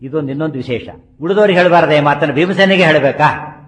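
A man giving a religious discourse, explaining scripture with rhetorical questions and slowly chanting Sanskrit verses. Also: fairly high pitch. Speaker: religious speaker.

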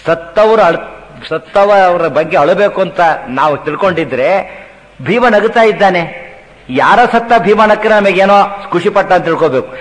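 A man giving a religious discourse, telling scripture stories with humor and chanting verses slowly. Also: sits high, animated. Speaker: religious speaker. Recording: hall with long reverb.

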